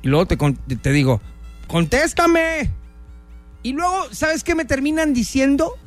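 A man's voice: very high voice, a little fast, soft background music. A man with a Mexican accent hosting a radio show, teasing and joking in casual banter. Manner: playful, teasing, animated. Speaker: radio host.

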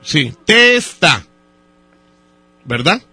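A man's voice: fairly high pitch, big pitch swings, very slow, bright, forceful tone, slightly rough, no echo. A man who hosts a radio show, making a prank phone call and playing a hesitant customer, full of fillers and teasing jokes. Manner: teasing and joking. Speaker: radio host.

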